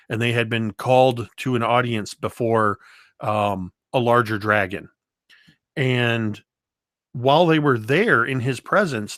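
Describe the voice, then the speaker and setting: A man guesting on an interview, telling game-table stories in a lively, animated way. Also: mid-range voice, dry recording, clean studio sound. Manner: lively storyteller, does voices and moves around. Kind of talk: casual interview talk.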